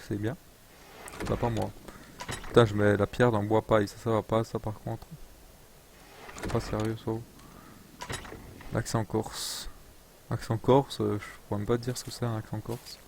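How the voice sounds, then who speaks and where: A man's voice: lowish voice, gravelly, a little hiss or hum. A young man live-streaming a game, chatting casually, reading chat aloud and joking around with playful accent attempts. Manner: rambling, reads chat aloud, jokes and tries out accents.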